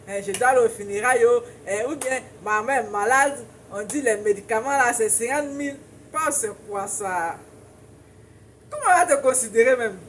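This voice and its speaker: A woman with an Ivorian French accent delivers relationship advice straight to her viewers, pressing her points with repetition and frequent laughter. Her voice sits high, and a faint hum of noise stays under it. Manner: emphatic, preachy, laughs often, repeats for emphasis. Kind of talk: casual advice monologue to viewers.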